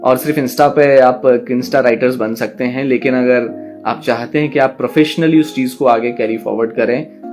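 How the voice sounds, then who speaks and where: A man's voice: medium pitch, darkish tone. A man teaching an online class on poetry, explaining patiently and stretching out words syllable by syllable to demonstrate. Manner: slow, drawn-out syllable demonstrations; explains patiently, addresses students directly.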